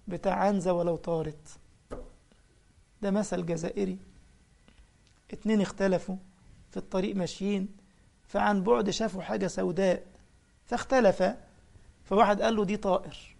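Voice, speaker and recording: A man's voice: high voice, vocal fry, a little mellow. A man with an Egyptian accent preaching a colloquial religious lesson, telling anecdotes and firing off mocking rhetorical questions. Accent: Egyptian Arabic.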